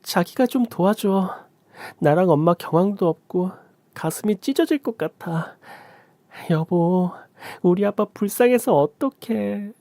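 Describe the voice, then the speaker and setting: A man doing a high shrill anguished young daughter. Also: expressive, moderate pace, a little mellow, slightly rough, no echo. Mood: fake sobbing. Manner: pleading, rising to shrill, tearful. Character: young adult daughter, wronged and furious wife.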